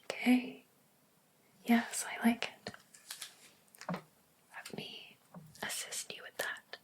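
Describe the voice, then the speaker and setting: A woman whispering slowly and breathily in a soft ASMR whispered role-play as a gentle, helpful librarian. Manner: slow, gentle, hushed.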